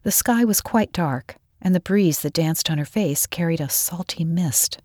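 Low-voiced woman narrating a storybook. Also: no room sound, clean studio sound. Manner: expressive, measured.

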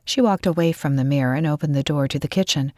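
Brief: woman storybook narrator, low and expressive, dry mic. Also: dry recording. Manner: expressive, measured.

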